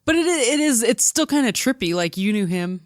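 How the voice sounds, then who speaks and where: A woman co-hosting a casual podcast, chatty and animated as she tells a story. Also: a little high, moderate pace, dry recording, clean studio sound. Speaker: podcast co-host.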